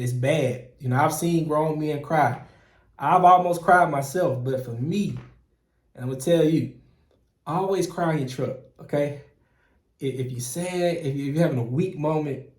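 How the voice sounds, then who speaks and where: A middle-aged man from Mississippi, giving earnest, animated advice as a channel host in casual talk. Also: fairly high pitch. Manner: earnest and animated, frequent "man" and "you know", restarts, chuckles. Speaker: process operator and channel host. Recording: roomy echo.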